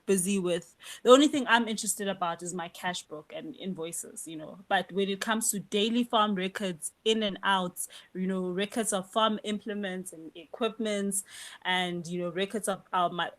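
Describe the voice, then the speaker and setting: A woman's voice: mid-range voice, fairly even intonation, moderate pace, a bit bright. Female host, chatty and friendly, casual live-room talk. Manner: friendly, chatty, many fillers.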